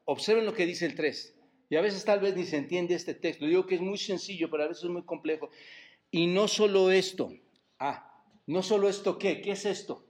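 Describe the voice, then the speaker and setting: A man's voice: high-pitched, normal speed, a little mellow. A man preaching a sermon as pastor, asking the congregation rhetorical questions and drawing out key words for emphasis. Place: church service.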